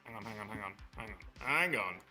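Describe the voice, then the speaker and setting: A man's voice: on the low side, animated, brisk, pushed and bright, soft background music. A man chatting casually on a live stream through the built-in mic of a handheld gaming device, his level pumping up and down from uneven auto gain. He talks frankly and jokes, swearing often. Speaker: game player on a live stream. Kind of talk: casual chat.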